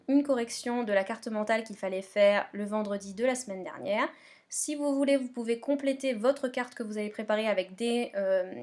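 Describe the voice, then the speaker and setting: A woman teacher guiding pupils step by step through their remote English homework, often checking they follow. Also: a little high. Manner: patient, step-by-step, checks understanding. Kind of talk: remote lesson instructions.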